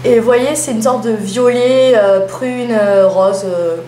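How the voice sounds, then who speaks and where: A woman's voice: on the high side, slow pace, dark tone. A young woman chatting casually through a lipstick haul, with playful self-mocking asides. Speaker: beauty vlogger. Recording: echoey room with faint hum.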